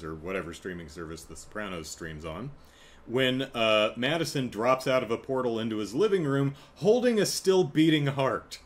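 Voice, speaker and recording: A man casually recapping a TV episode, rambling with many fillers and chuckling asides. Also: mid-range voice. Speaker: TV episode reviewer.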